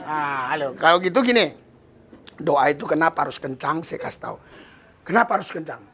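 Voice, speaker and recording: A male pastor preaching a lively sermon to a church congregation, often laughing and slipping into playful voices to act out prayers. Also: on the high side, fairly quick.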